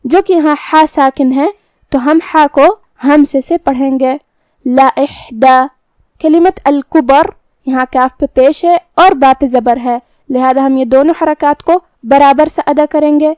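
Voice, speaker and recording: A woman teaching Quran recitation rules, explaining each letter step by step and reciting verses very slowly. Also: high voice, fairly even intonation, darkish tone, dry recording. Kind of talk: tajweed lesson with slow recitation.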